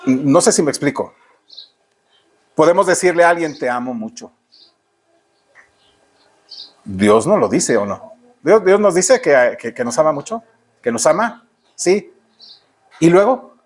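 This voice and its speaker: High-voiced Mexican preacher. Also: male voice, very animated, a little slow, long pauses, breathy edge. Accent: Mexican Spanish. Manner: preaching with rhetorical questions to the congregation. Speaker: pastor. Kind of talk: sermon. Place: church.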